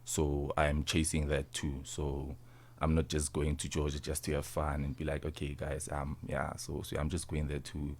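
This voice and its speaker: His voice rumbling low and completely flat, this South African rugby player, nineteen, talks at normal speed through a little hiss or hum. As an interview guest he answers casually, repeating and rephrasing, and adds "you see" to his phrases.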